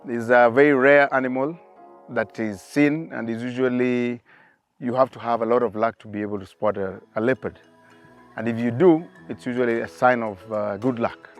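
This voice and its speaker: A man from Kenya who works as a safari guide, explaining things to the camera in a measured way. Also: mid-range voice, steady tone. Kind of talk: interview talk. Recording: faint music behind.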